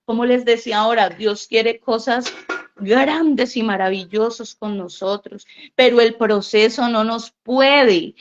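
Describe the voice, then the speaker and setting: A woman pastor preaches slowly and earnestly, leaning on repeated phrases. Her voice sits a little high, and the recording sounds dull and lo-fi. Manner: slow, earnest preaching with emphatic repetitions. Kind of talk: sermon.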